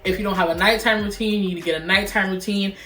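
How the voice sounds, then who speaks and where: Young female vlogger, playful sing-song delivery, mid pitch, roomy echo. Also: fairly even intonation, fast, background noise. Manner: sing-songy, playful, breaks into little chants. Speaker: YouTube vlogger. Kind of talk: casual vlog chat to camera. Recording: roomy echoey room.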